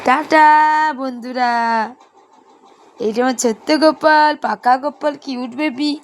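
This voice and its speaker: A woman's voice: sits high, unhurried. A young Bengali mother talking to her baby at home at night, firm scolding that turns into sing-song baby talk. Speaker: mother vlogger.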